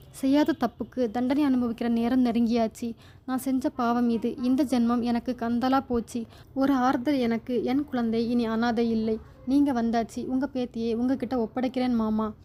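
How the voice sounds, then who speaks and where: A woman's voice: on the high side, flat delivery, moderate pace, warm tone, natural voice. A woman voicing a frightened young widowed mother in a storybook reading, speaking in an anguished, pleading way. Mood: despairing. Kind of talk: storybook narration.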